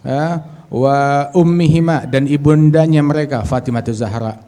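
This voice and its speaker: Male preacher, warm mellow voice, storytelling sermon, arabic phrases then casual explanations. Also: fairly high pitch, a little slow. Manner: acts out dialogue in a lively storytelling way. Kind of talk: storytelling sermon at a religious gathering.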